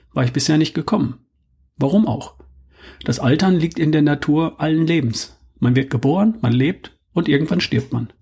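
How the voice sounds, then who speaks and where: A middle-aged man hosting a podcast, delivering a calm, measured, scripted monologue. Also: fairly high pitch, vocal fry, slightly rough. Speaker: podcast host.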